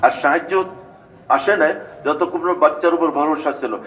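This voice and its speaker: A man's voice: a little high, unhurried. Older man preaching, dull lo-fi sound. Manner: storytelling preaching with chanted invocations. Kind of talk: sermon. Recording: dull lo-fi recording.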